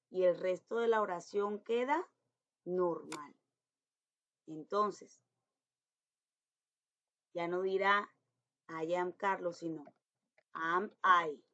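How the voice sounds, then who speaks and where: A woman who teaches English to schoolchildren, explaining grammar step by step and slowly repeating example sentences. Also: on the low side. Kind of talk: explaining grammar in an online lesson. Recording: dull lo-fi recording.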